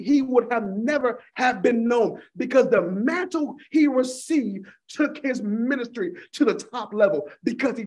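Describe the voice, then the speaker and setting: Casting high-pitched male preacher, fervent sermon delivery, calls the crowd honey. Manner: fervent, repeating "my God in heaven" and calling listeners "honey".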